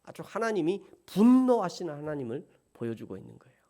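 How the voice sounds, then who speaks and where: A male pastor preaching a sermon in an animated way that builds to emphatic peaks. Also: fairly high pitch, fairly quick.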